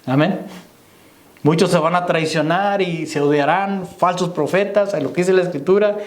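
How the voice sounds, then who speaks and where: A man's voice: high voice, normal speed. A man preaching a sermon as pastor, calling out to the brethren and asking if they understand. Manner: preaching to the congregation, repeating "hermano" and "¿me entiende?". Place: church. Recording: echoey church hall.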